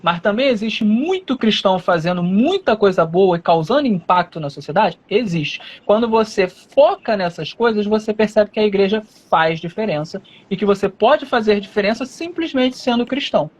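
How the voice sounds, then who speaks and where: A man from Rio de Janeiro state with a Rio Brazilian accent, answering as an interview guest in a measured, explanatory way with frequent fillers. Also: high-pitched, animated. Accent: Rio de Janeiro Brazilian Portuguese.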